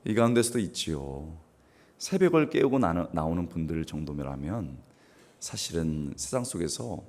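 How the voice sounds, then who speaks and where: A middle-aged man delivering a revival sermon in a low, deep voice. His pitch leaps and falls widely as he preaches, breaking into sudden raised exclamations and clearing his throat now and then. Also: darkish tone. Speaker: guest pastor.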